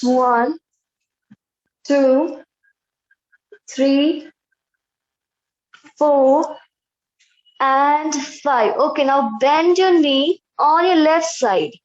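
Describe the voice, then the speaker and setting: A young woman in her twenties with an Indian accent, leading a live online yoga class in measured short commands and slow counts, over roomy, dull video-call audio. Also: sits high. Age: 20s. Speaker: yoga instructor. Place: indoor bare room, online video class.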